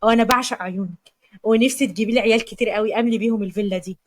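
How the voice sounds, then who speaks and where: A woman's voice: on the high side, rapid-fire, no echo, natural voice. A woman reading a proud young Egyptian businessman. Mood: affectionate. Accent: Egyptian Arabic. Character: young male businessman husband, proud and quick-tempered.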